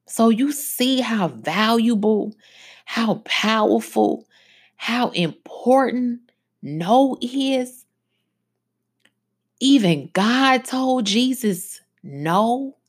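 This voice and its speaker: A woman hosting a faith-based radio talk, preaching conversationally and slowing down for emphasis. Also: on the high side, expressive, breathy edge. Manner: conversational preaching, slows down for emphasis, frequent asides. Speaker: radio show host.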